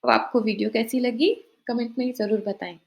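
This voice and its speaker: A woman telling a family drama story in plain, even scripted narration. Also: on the high side, moderate pace, vocal fry.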